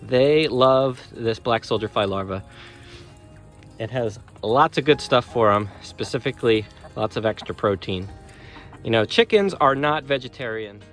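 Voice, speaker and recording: A man in his thirties talking casually to a handheld phone outdoors in his chicken run, relaxed and rambling with many ums. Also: mid-range voice, unhurried, soft background music. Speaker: small farm vlogger. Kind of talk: casual vlog talk to camera. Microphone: phone at arm's length.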